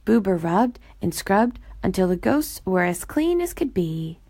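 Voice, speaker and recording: A woman reading a children's storybook aloud in a gentle, even storytelling manner. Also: mid-range voice, a little slow, dry recording. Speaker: storybook reader.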